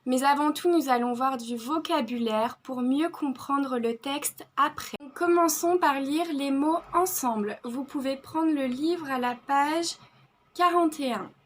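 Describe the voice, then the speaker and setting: A young French woman with a Bordeaux French accent, teaching vocabulary and repeating each word slowly and carefully. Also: sits high. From France. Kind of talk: online vocabulary lesson.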